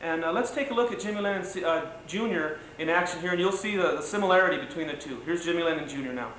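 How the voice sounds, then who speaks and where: Middle-aged male host, high bright voice, halting conversational delivery, echoey home video sound. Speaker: boxing show host. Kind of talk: spoken tribute to camera. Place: living room, indoors. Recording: echoey room, faint noise, old video.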